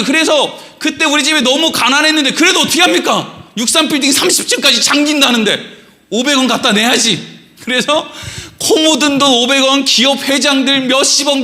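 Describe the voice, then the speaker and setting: A man preaching a Wednesday sermon as pastor, animated, acting out questions and quotes. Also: very high voice. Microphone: livestream.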